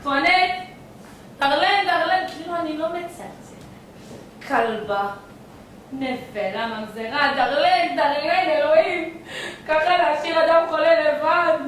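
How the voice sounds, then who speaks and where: A woman playing a fussy, bossy hypochondriac older man in a stage play, complaining and shouting at his servant. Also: high voice, slight background noise, lightly acted. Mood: whiny. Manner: shouting, complaining, calling out repeatedly. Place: theatre stage. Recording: echoey stage audio from far off.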